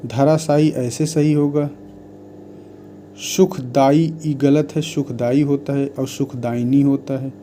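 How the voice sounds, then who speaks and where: A man teaching Hindi spelling, reading out word lists one by one in a measured dictation style. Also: medium pitch, steady tone, warm tone, a little hiss or hum.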